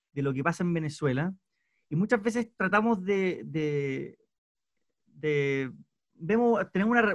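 High-voiced male host, dry sound. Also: a bit bright, no echo. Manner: hesitant, with repeated restarts. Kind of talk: casual panel discussion.

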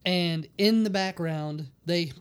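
A man's voice: sits high, slow, smooth. A man guesting on a podcast, telling stories with enthusiasm in a casual chat. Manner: enthusiastic storyteller, self-described nerd.

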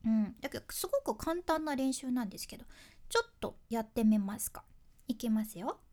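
Female voice coach with a Fukuoka accent, fairly high and very animated, a chatty, casual lesson. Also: brisk. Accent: Fukuoka dialect. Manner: chatty and expressive, switching between polite and dialect speech. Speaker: voice and speaking coach.

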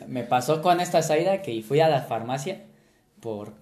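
A man's voice: mid-range voice, expressive, normal speed, darkish tone. Young Mexican guy telling crude stories. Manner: crude slang-heavy storytelling. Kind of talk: casual chat.

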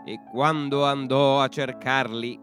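Slow expressive male storyteller. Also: mid-range voice, soft background music. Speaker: storyteller, podcast host. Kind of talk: fairy tale narration.

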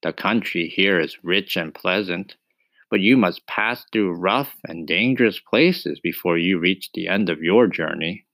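A man's voice: deep voice, measured pace, fairly bright tone, no room sound. A man voicing a grave, cautious male villager giving a warning.

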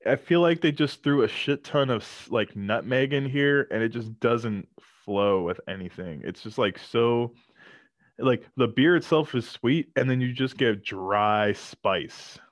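A man's voice: mid-range voice, measured pace, dry recording, clean studio sound. A man co-hosting a podcast in a laid-back, wry, casual chat. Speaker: podcast co-host.

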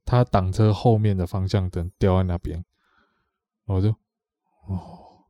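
A man's voice: deep voice, steady tone, unhurried, dark tone, dry recording, highs cut off. A man with a Taiwanese Mandarin accent telling a rambling story on a podcast, repeating himself and acting out what others said. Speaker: podcast co-host. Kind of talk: casual storytelling chat.

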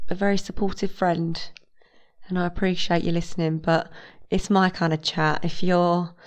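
A woman with a fairly low voice closes out her podcast alone, musing in a reflective, self-mocking way. She talks directly to listeners in plain conversational speech. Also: a little mellow. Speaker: podcast host. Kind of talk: solo outro commentary.

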